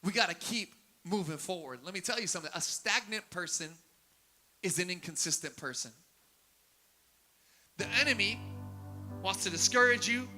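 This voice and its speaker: Male pastor preaching, high tenor with sharp bright edge, faint keys underneath. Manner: repetitive preaching cadence, rising to emphatic peaks. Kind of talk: sermon. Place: church sanctuary.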